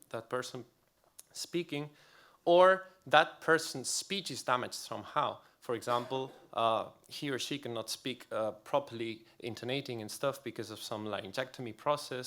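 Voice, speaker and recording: A man's voice: mid-range voice, fairly bright tone. A young man with a Spanish accent giving a technical conference talk in a loose, casual way, full of fillers and restarts. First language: Spanish or Catalan. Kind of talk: technical lecture. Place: lecture hall.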